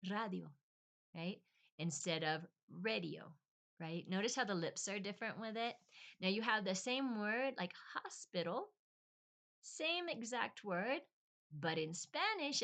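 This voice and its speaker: Woman giving a chatty spanish sounds lesson, lowish voice, thinks out loud, repeats sounds slowly, poor home recording. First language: English. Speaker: language teacher. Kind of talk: casual spoken lesson.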